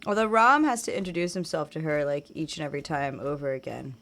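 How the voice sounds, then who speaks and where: A woman game streamer chats casually while playing, rambling and then trailing off into quiet mutters as she concentrates. She has a low voice and talks quickly.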